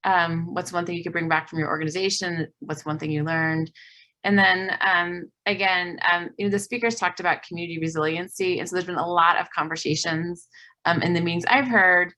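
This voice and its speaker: A woman's voice: lowish voice, fairly even intonation, brisk, pushed and bright. A woman facilitating a community video meeting, earnest and full of fillers. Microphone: video call.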